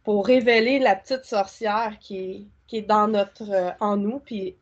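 A woman's voice: mid-range voice, steady tone, unhurried, muffled recording. A woman with a Québécois French accent, a guest talking casually and enthusiastically about her spiritual content, often rambling. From Quebec. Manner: chatty, rambling, enthusiastic, colloquial. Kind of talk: casual interview chat.

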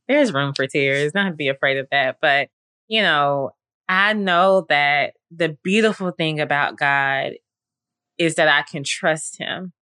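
Earnest low-voiced woman podcast host. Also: unhurried, bright, forceful tone, clean tone, dry recording, studio quality. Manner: earnest, conversational, many fillers. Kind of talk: faith podcast talk.

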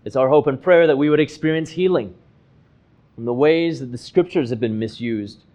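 A man in his thirties from Hong Kong, a pastor giving a measured, earnest, reflective sermon. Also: medium pitch, dark tone, dull audio. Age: 30s.

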